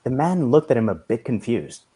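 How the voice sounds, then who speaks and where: A man reading a story aloud in a measured storytelling manner. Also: medium pitch, big pitch swings, mellow, slightly rough. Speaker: reader.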